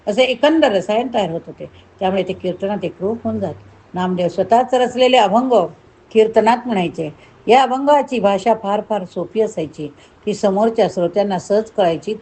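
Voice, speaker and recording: A woman's voice: medium pitch, a little mellow, husky. A woman narrating a devotional story in a rhythmic, emphatic way, with rhyming lists.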